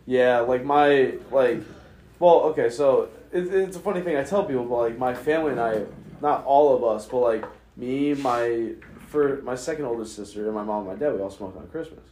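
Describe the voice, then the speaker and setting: A young guy tells stories in loose frat-bro slang with some swearing. His pitch is average for a man. The room around him is noticeably echoey. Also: moderate pace, darkish tone. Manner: frat-bro slang, heavy use of "like", profane. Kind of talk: casual storytelling.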